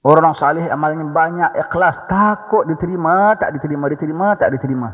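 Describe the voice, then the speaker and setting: Malaysian preacher in an echoing hall. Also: male voice, fairly high pitch, fast talker. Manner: rhetorical "ha?" prompts, humorous asides. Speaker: religious teacher. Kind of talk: religious lecture. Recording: dull recording in a long-echoing hall.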